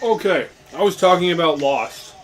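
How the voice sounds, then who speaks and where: A man's voice: on the high side, expressive, normal speed. A man chatting casually as he comments on a video game. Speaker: let's play commentator. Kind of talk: casual chat and dubbing over a game.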